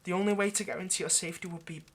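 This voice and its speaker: Here a man voices a lovestruck, earnest male vampire in a close roleplay monologue, trying to coax his partner with hesitant, stammering, gentle persuasion. He sounds reassuring yet unsure. His pitch sits high, the intonation is fairly even, and he races through the lines.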